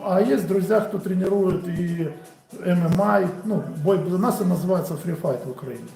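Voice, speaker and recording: Chatting with his live-stream audience from home, this Ukrainian-accented boxing coach in his forties answers questions in an easygoing, friendly, off-the-cuff manner. His voice sits high and is creaky and dark, at a normal speed. The rough recording has a roomy sound and soft background music.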